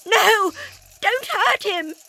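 A woman's voice: very high voice, extremely slow, bright, forceful tone, voice pushed up, exaggerated voice. A woman voicing an anxious young woman companion who pleads and warns in alarm.

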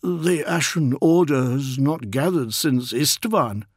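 A man acts out a dutiful warrior follower who replies formally and gravely, raised above the reader's normal pitch. The delivery is close and dry. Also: slow, no echo. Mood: solemn.

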